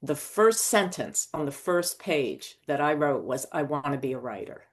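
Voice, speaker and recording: As a podcast guest, an older Moroccan novelist and screenwriter tells her story in an animated, digressive way. Her voice is low-pitched and her pace moderate.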